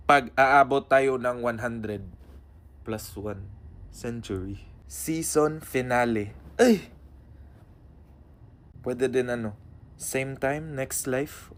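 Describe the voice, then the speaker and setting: A man's voice: medium pitch, very slow, pauses often. A man making a casual, comedic vlog and joking playfully. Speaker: content creator.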